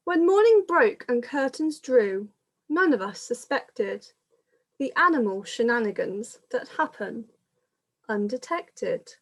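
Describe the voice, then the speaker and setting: This woman is a primary school teacher sharing a picture book with young children, and she reads in a careful, explanatory manner. Her voice sits a little high.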